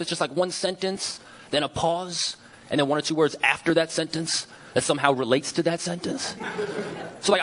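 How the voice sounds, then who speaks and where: A man's voice: a little high, fairly bright tone. A young man performing a casual stand-up set in a comedy club, rambling with lots of filler words. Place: comedy club stage with audience. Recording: noisy club recording.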